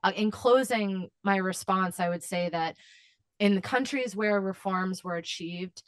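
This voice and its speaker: Woman interview guest, mid pitch, impassioned and earnest, dry close recording. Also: a little slow, smooth, dry recording. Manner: impassioned, with frequent fillers and restarts. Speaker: advocacy guest.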